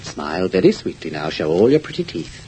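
An actor playing a scheming, falsely deferential nephew with a smooth, sly way of talking in an old radio drama. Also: male voice, deep voice, sing-song, brisk, warm tone, a little hiss or hum, poor audio. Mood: sly, mocking.

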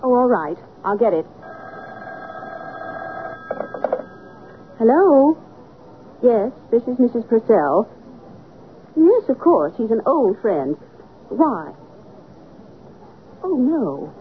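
A woman's voice: a little high, big pitch swings, takes it slowly, pauses often. An actress playing a deceitful, coolly composed married woman feigning innocence in a radio drama. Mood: feigned concern. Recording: thin phone-like sound, faint noise.

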